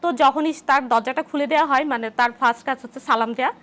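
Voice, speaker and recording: High-voiced mother chatting on a talk show. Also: fast talker, a bit bright. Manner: conversational, frequent "mane" fillers. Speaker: mother of a child, guest. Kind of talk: casual studio conversation.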